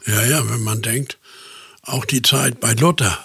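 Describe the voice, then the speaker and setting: A man's voice: medium pitch, fairly even intonation, unhurried, fairly bright tone, husky, no echo. A man talking casually and hesitantly, with fillers and tag questions. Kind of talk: casual conversation.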